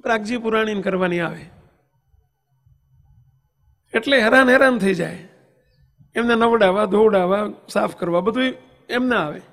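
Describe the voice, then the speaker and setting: A man's voice: sits high, normal speed, long pauses, a bit bright. A man, a monk, giving a devotional sermon with emphatic rhetorical questions and anecdotes. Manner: tells anecdotes and sings verses. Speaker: monk preacher.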